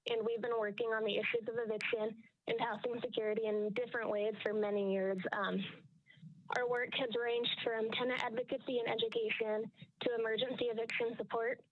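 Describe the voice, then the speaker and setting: A woman calling in over a phone line, reading a prepared statement in a steady, measured way. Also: on the high side. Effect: heard over a phone line. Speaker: caller giving public comment. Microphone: telephone. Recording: tinny, clipped phone line.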